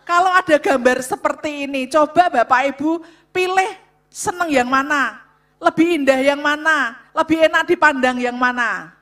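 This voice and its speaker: A woman delivers a sermon on marriage in a high, bright voice. She speaks loudly and with emphasis, repeatedly addressing the listeners directly. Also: moderate pace. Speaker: co-speaker at a church revival on marriage. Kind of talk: sermon-style talk to a congregation.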